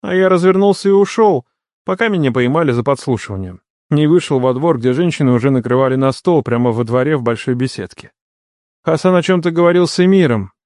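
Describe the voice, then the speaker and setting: Expressive male storyteller, close and dry. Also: medium pitch, no room sound. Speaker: audiobook narrator. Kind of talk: first-person story narration.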